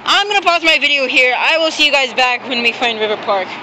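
A man's voice: extremely high pitch, lively intonation, quick pace. A young man vlogging outdoors on a city street, chatting in an exasperated, bossy way into a phone. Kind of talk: casual vlog chat while walking. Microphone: phone held while walking. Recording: phone recording with traffic noise.

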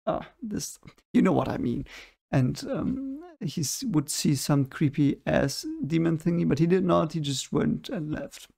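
A young adult man hosts a reaction video from a desk in a room at home, speaking casually into the microphone in front of him. Skeptical and dismissive, he writes the clips off as fake and sometimes searches for words. His voice is on the high side, animated, a little slow, creaky, mellow and husky.

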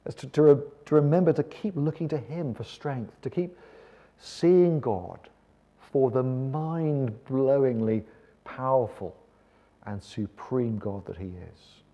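A middle-aged man preaching a sermon in a kindly, gentle vicar's manner, often putting questions to his listeners. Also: medium pitch, slow. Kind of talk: sermon to a seated congregation. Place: church auditorium with stage.

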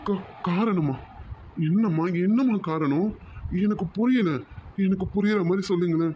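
A man's voice: sits high, normal speed, mellow, highs cut off, slight background noise, natural voice. A man voicing a distressed young man in love in a cartoon, confused and pleading with his mother. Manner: pleading, confused, repeating "amma". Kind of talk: cartoon voice acting.

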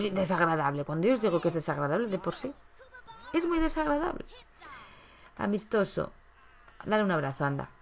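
Gravelly-voiced woman coaxing game characters. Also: on the low side, a little hiss or hum. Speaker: gaming YouTuber. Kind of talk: casual gameplay commentary.

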